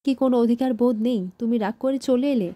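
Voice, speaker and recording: A proud, domineering older father-in-law from a soap-opera recap, read out by a woman. The voice sits rather high and mellow, and the sound is dry and close. His lines come in a plain reading voice with little acting. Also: brisk, no echo, lightly acted. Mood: scolding. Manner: read out flatly in the narrator's own voice.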